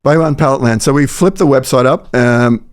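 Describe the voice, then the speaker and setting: A middle-aged man with an Australian accent, a company founder telling his story as a podcast guest in quick, enthusiastic casual talk, often repeating phrases as he thinks. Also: mid-range voice, dry recording.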